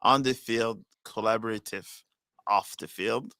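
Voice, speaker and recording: Brief: male host, bright forceful tone, relaxed chat, dry close sound. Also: fairly low pitch, unhurried, no room sound. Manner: relaxed, reads out chat comments. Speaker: podcast host. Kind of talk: casual chat.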